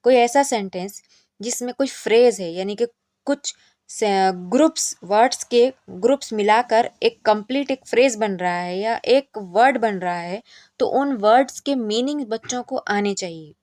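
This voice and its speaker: A woman teacher educator lecturing on a syllabus, reading each English point slowly and then explaining it at length in Hindi mixed with Urdu words. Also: fairly high pitch, darkish tone, no room sound.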